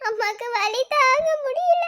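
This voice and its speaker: Cartoon pregnant mother, groaning and pleading; high pitch, slow and drawn out, as a performer voices her. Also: expressive, pushed and bright, exaggerated voice. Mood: strained. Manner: strained, groaning, tearful. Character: pregnant young mother in labor pain. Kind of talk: cartoon story voice acting.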